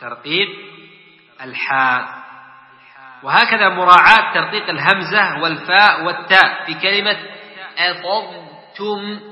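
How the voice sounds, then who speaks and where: A man teaching Quran recitation. He gives brief spoken explanations between slow, melodic chanted verses for his class to repeat. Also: high voice. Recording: echoey hall, dull lo-fi sound.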